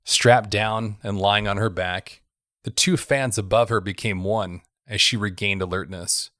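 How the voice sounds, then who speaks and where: A man narrating a thriller story in a steady, even storytelling voice. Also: fairly low pitch, unhurried, dry recording, studio quality.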